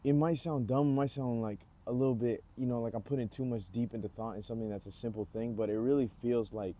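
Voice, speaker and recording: Young man, dark mellow tone, relaxed rambling vlog talk. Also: mid-range voice, fast talker, highs cut off. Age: 20s. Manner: relaxed, rambling, lots of fillers. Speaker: vlogger. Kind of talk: casual vlog intro. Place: outdoors, rain nearby.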